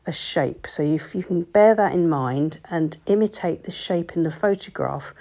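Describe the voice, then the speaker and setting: A woman, calmly explaining each step of a watercolour painting tutorial in voice-over. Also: sits low. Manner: calm, explanatory, gently instructive. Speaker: watercolour teacher.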